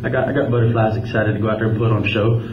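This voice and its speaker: A man's voice: on the low side, fairly even intonation, rapid-fire. A man, a fighter, answering at a press conference with punchy, boastful talk. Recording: echoey, noisy room, distant mic, dull sound.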